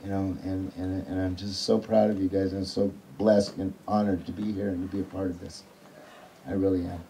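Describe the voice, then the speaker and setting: A man in his fifties talks in a rambling, heartfelt way, stumbling and repeating words. His pitch sits in a middle range. Faint noise runs under the recording. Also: little pitch movement, brisk, gravelly, warm tone, rough recording. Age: 50s. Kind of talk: heartfelt informal message.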